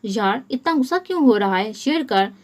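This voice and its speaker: A woman voicing a sleazy, leering young man who drawls his lines slowly. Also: fairly high pitch, animated, close to an everyday voice. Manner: leering, slow. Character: sleazy crude young man, the husband's friend.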